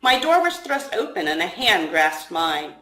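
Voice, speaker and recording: A woman's voice: fairly low pitch, a little slow, echoey room, poor audio. A woman narrating her own novel aloud in the first person as an audiobook reading. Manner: expressive first-person storytelling.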